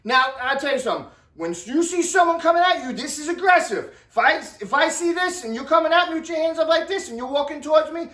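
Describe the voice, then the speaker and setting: A man telling personal stories to viewers in an animated, exaggerated way, with sound effects. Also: very high voice, quick pace, few pauses. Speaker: storyteller vlogger. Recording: roomy, distant mic.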